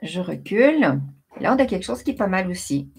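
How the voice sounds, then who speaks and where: Woman doing a craft software tutorial, kinda low and husky, talks herself through every click. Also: very animated, fairly quick. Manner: chatty, thinks aloud while working. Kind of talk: screen-recorded software tutorial.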